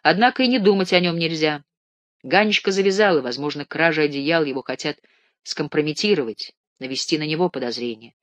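Guy reading a story aloud, fairly high voice, dry close sound. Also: brisk, dry recording. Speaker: narrator. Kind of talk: audiobook reading.

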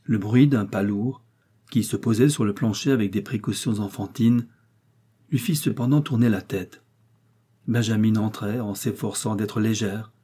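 Man, audiobook narrator, husky, dark tone, measured narration. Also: on the low side. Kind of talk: scripted narration.

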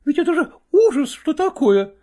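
A man reading a story aloud, voicing a jealous, demanding actress wife who scolds and shouts at her husband. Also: extremely high pitch, sing-song, moderate pace, voice pushed up. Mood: complaining. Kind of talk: audiobook character voice.

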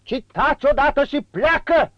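Man voicing an enraged jealous marquis, barking orders, high strained shouts, dry dull sound. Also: expressive, dry recording. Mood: furious. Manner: shouting harshly. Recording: dull lo-fi audio.

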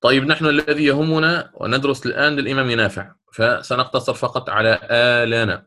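A middle-aged man gives a patient lesson on Quran recitation, laying out each rule step by step. His voice is bright and forward. He slows down to chant each quoted verse before explaining it. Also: mid-range voice, fairly even intonation. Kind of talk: classroom lesson explaining a didactic poem.

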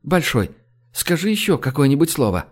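A man's voice: on the high side, big pitch swings, normal speed. A man voicing a cocky but kind young man who talks lightly and teasingly in a raised voice.

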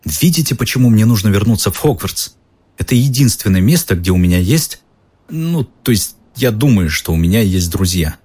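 A man voicing an earnest, anxious schoolboy wizard in his own husky voice. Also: lowish voice, animated, moderate pace, darkish tone. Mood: upset. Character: worried, stubborn schoolboy wizard.

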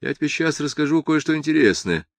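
A weary, ironic writer talks in an offhand, dry way, as the audiobook narrator voices him. The voice swings widely in pitch. The recording is close and dry, with no room sound. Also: male voice, lively intonation, fast talker, gravelly, no echo. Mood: wry. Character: wry, weary man, a writer.

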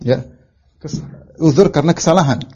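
A middle-aged man preaching a religious study lecture, reciting Arabic and explaining it, with animated storytelling and acted-out quotes. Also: on the high side, normal speed, slightly rough. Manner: animated storytelling, acts out quoted lines in raised voice. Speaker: Islamic preacher teaching a book. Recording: dull lo-fi lecture recording.

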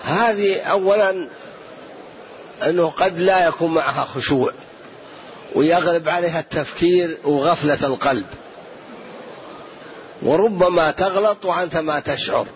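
A man answering questions in a religious lesson, explaining in a measured way and repeating points for emphasis. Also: on the high side, a little hiss or hum. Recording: dull lo-fi lecture recording.

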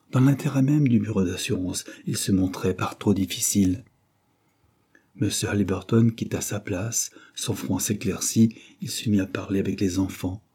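Male audiobook reader, steady and measured, deep dark husky voice. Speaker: audiobook narrator. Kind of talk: scripted narration.

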